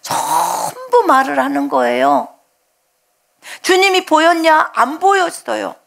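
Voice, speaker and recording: A woman pastor preaching a sermon in a high, gravelly voice. She speaks earnestly and tells of her own faith. She voices her prayers aloud as if talking to someone right beside her. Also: fairly bright tone. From Jeolla, Korea.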